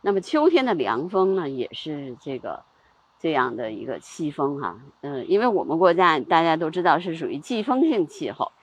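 A woman hosting a relaxed talk on seasonal customs, chatty, with many fillers and small laughs. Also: low voice, normal speed, slightly rough, lo-fi sound. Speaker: host.

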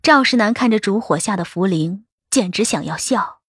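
A woman narrating a novel as an audiobook in a steady, even storytelling voice. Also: mid-range voice, normal speed, slightly rough, no echo, clean studio sound.

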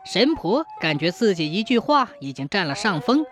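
Expressive woman telling a ghost story. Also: mid-range voice, faint music behind. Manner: measured, suspenseful, expressive. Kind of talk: scripted ghost story narration.

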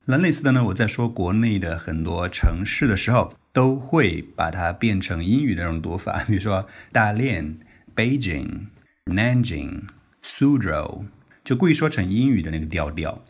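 A man with a very low voice hosts a relaxed pronunciation lesson. He chats along easily and laughs now and then. He slows right down whenever he demonstrates how a word sounds. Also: breathy edge. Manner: chatty, laughs often, slows down to demonstrate words. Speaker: pronunciation teacher, podcast host. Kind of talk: casual teaching podcast.

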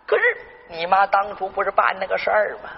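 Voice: medium pitch, flat delivery, a little fast, vocal fry, natural voice. A folk storyteller voicing a proud 70-year-old grandfather who wails and pleads to save face. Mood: emotional, sobbing. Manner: wailing, sobbing pleas rising to shouts. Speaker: storyteller in a sung-spoken folk duet. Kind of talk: Henan zhuizi dialogue storytelling. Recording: dull lo-fi recording with faint hiss.

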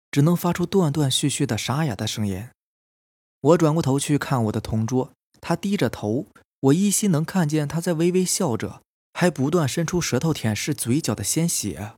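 男性恐怖故事主播，声音略哑，叙述平稳克制，适合夜间讲鬼故事. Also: male voice, fairly high pitch, husky, no room sound, studio quality. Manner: calm, measured first-person storytelling. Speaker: storytelling podcast host. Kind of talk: scripted horror story narration. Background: faint eerie background music.

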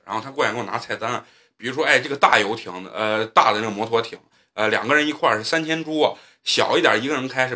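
A man's voice: medium pitch, bright, forceful tone. A man hosting a casual podcast, telling travel stories in a boisterous, profane, joking way. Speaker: podcast host. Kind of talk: casual storytelling chat.

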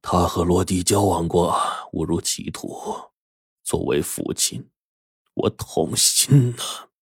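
Grieving old father in a told story, low voice, sighing and soft, dry sound; a man reads him. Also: slow pace, gravelly, husky, dry recording, heavily acted. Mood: sorrowful. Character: grieving elderly father, gentle and sorrowful.

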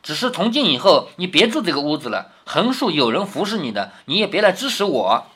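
A man's voice: a little high, sing-song, a little fast, a bit bright, breathy edge, full character voice. A man voicing a sulking young maid with cold, sarcastic retorts. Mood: cold, sulky.

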